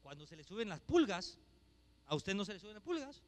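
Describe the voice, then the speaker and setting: A man preaching a sermon as pastor, swinging from hushed asides to shouted exhortation. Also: high voice, very animated, a little fast.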